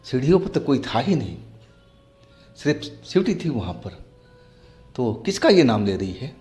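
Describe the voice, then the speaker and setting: A man narrating a true-story horror tale in a slow, measured retelling. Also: mid-range voice, sing-song, warm tone. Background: faint background music.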